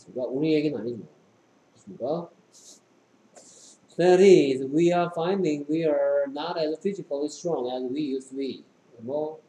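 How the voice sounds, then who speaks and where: Reading English sentences aloud very slowly, a man with a mellow, higher-pitched voice tutors a student, explaining the text and quizzing with short questions. He is an English teacher, recorded in an echoey room with faint background noise.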